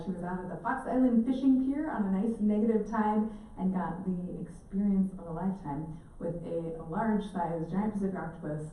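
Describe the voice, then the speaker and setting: Lively woman storyteller in echoey room. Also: mid-range voice, a little hiss or hum. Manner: animated, acts out quotes with laughter. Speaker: presenter giving an octopus talk. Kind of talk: storytelling talk to a live audience. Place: indoor event space with audience. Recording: echoey room, mic from a distance, faint ambience.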